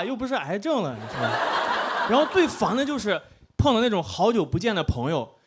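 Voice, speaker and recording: A man's voice: very high-pitched, heavy background noise. Self-mocking young man doing stand-up. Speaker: stand-up comedian. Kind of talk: stand-up set on stage. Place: comedy stage with live audience.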